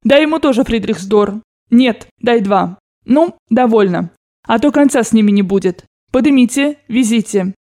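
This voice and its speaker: Storybook part: woman reader doing a domineering elderly grandmother, blunt commands, pitched up, soft dark tone. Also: expressive, moderate pace, natural voice. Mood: bossy. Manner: commanding, brusque and loud. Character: imperious rich old grandmother, bossy and blunt. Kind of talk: audiobook character voice.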